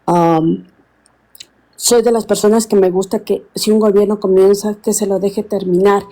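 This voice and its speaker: A woman, calling in to a live stream and speaking earnestly, often pausing to search for words. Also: mid-range voice, steady tone, dark tone, rough recording. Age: 60s. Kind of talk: casual call-in chat.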